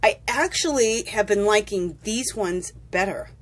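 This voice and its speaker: A crafting vlogger sits at her home craft table indoors, casually talking through a paper craft tutorial while sniffling from a cold. She's chatty, rambling and keeps correcting herself. Her medium-pitched voice is animated and unhurried.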